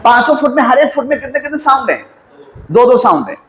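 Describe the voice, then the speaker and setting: A man's voice: extremely high pitch, big pitch swings, fast talker, a bit bright, roomy sound, a little hiss or hum, poor audio. A male teacher giving a lesson, quizzing students and answering his own questions, mixing Hindi with English terms. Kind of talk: classroom lecture.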